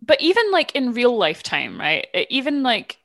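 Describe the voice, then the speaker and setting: A woman's voice: a little high, wildly swooping pitch, gravelly, a bit bright. A woman with a Scottish accent hosts a podcast in easy conversation. She sounds eager, giggles often, and keeps her delivery loose and informal. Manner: giggly, eager, quick to laugh. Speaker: podcast host. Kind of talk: casual podcast chat.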